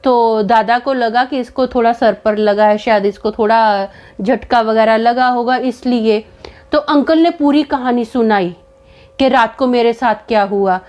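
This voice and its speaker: High-voiced woman telling a ghost story. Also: measured pace, muffled recording. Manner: animated, dramatic retelling. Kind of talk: spoken ghost story in Hindi.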